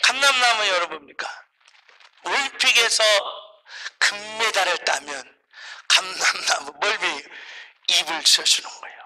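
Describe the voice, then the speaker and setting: A man preaching a sermon as pastor, fervent and animated, breaking into shouted exclamations while telling stories. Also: high voice, measured pace, pauses often, low-quality recording.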